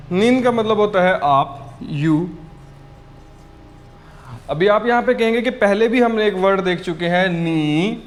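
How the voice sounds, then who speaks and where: A man teaching a beginner language lesson, explaining words and repeating each one slowly several times for his students to copy. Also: high voice.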